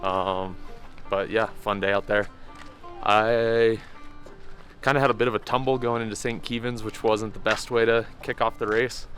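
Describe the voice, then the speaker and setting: This man's voice sits fairly low, with fairly even intonation, a moderate pace and a fairly bright tone, while faint music plays behind him. A pro mountain bike racer and vlog host, he recaps a bike race outdoors in a laid-back, self-deprecating way. He sounds a bit out of breath and uses lots of fillers.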